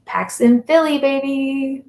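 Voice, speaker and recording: High-pitched yet darkish in tone, her voice stays steady and slow. As a live podcast co-host, she chats casually on the stream and rambles while searching for words, with a roomy echo on the audio.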